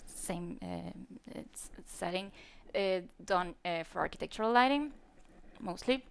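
A woman from Venezuela delivers a lighting design talk at a lighting industry event, standing on stage with a handheld mic and stumbling through fillers and restarts. Her low-leaning voice is gravelly but clear and resonant, expressive, and a little slow.

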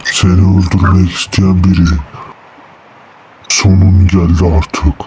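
A man playing an anonymous caller who threatens murder, his voice run through a robotic voice changer, speaking in a cold, calm, menacing way. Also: deep voice, slow, noisy background. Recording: music playing behind the voice.

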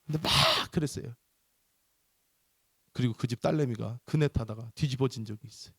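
A middle-aged male pastor giving a sermon in an animated storytelling manner. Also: medium pitch, fairly quick, slightly rough, no room sound, studio quality. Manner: animated storytelling, acts out voices.

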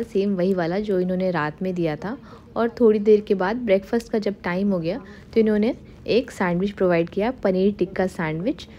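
A woman's voice: medium pitch, dark tone, lo-fi sound, a little hiss or hum. Young woman narrating a travel vlog. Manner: chatty, mixes English phrases into the narration. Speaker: travel vlogger.

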